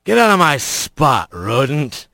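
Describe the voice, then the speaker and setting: A man's voice: medium pitch, wildly swooping pitch, a little slow, creaky, pushed and bright, no echo, clean studio sound, voice pushed down, exaggerated voice. A man voicing a surly male bobcat, drunk on catnip, who slurs and growls. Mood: menacing. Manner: slurred, growling.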